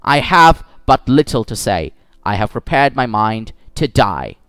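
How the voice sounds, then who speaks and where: Calm, resigned merchant read by a man, steady farewell tone, smooth voice. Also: mid-range voice, moderate pace, dry recording, lightly acted.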